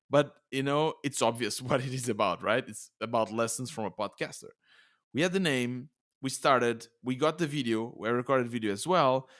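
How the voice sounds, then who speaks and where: A man with a Portuguese accent hosting a solo podcast, talking in a chatty, excitable way with many restarts. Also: medium pitch. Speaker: podcast host. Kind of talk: casual solo podcast monologue. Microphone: podcast studio mic.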